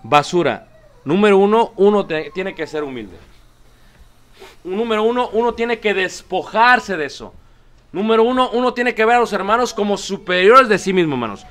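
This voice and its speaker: High, bright-voiced preacher. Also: male voice, lively intonation, normal speed. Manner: emphatic, repeats lines, addresses congregation as brothers. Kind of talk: sermon.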